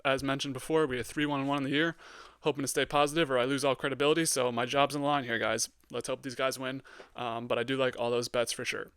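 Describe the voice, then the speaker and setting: Young guy rambling football picks, bright crisp voice, dry close sound, lots of ums. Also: medium pitch, fast, no room sound. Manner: blunt, hot takes, frequent ums, excitable. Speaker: podcast host. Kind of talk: solo sports betting podcast.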